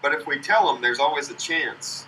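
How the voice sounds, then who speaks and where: A young male player argues his point earnestly at a tabletop game. His very bright voice comes from a step away from the mic. A faint hiss sits underneath. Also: on the high side, animated, normal speed, recorded from a distance, poor audio. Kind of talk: casual game chat.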